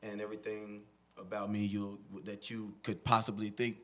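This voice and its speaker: A man guesting on a comedy podcast as a comedian, boisterous and quick to laugh. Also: on the low side, monotone. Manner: boisterous, laughing, swearing freely. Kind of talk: casual comedy podcast chat.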